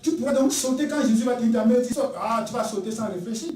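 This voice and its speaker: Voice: mid-range voice, fairly quick, darkish tone, far from the mic, slight background noise. A preacher delivering a sermon emphatically, repeating key phrases and acting out little dialogues. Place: church sanctuary. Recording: echoey church recorded from afar.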